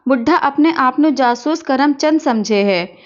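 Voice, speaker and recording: Brief: woman doing fiery young woman, high voice, low and cross, dull lo-fi sound. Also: animated, unhurried. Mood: annoyed. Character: feisty young woman, fiery Punjabi friend. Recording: dull lo-fi recording.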